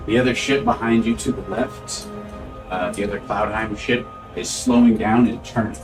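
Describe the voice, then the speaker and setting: Male game master, lowish voice, descriptive fantasy narration, slightly distant mic, clear music bed. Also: steady tone, moderate pace. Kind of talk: narrating a tabletop role-playing game.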